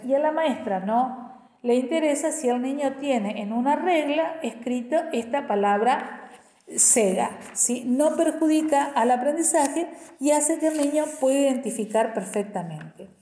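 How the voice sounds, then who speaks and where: A woman's voice: sits high, animated, normal speed, warm tone. A woman educational psychologist explaining learning strategies step by step, often checking in with her listeners. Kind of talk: explanatory teaching talk. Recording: echoey room with long reverb.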